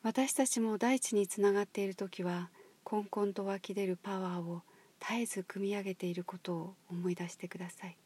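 Woman guiding a meditation; husky, whispery, unhurried voice. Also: mid-range voice, fairly even intonation. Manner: soft, slow, breathy near-whisper. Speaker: meditation guide. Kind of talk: guided meditation. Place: outdoors at a highland marsh.

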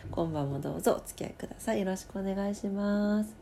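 A woman hosting her own late-night talk show from home, rambling and thinking aloud with many pauses. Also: mid-range voice, gravelly, mellow, a little hiss or hum. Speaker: podcast host. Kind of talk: casual late-night solo chat.

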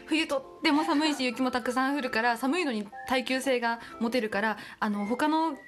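A young woman chatting casually and playfully as co-host of an amateur audio show, with a teasing, lively back-and-forth manner. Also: sits high, normal speed. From Aomori, Japan. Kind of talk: casual playful chat, word game banter. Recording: background music under the voice.

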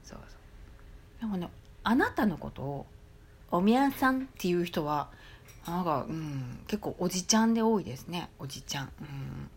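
Chatty Nagoya woman with a lively voice. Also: on the low side, moderate pace, slightly rough. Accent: Nagoya dialect. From Nagoya, Japan. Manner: chatty, frequent soft fillers, amused. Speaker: podcast host. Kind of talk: casual solo chat.

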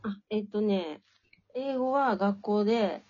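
A woman guest in a casual chat, calm, mostly giving short agreeing replies. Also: medium pitch, slow pace. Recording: dull lo-fi sound.

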